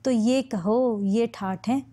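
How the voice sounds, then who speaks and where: A woman reading a teasing young woman friend in a storybook, playful and quick to poke fun. The voice is warm and mellow, close to the reader's own. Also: fairly high pitch, natural voice. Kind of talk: audiobook reading.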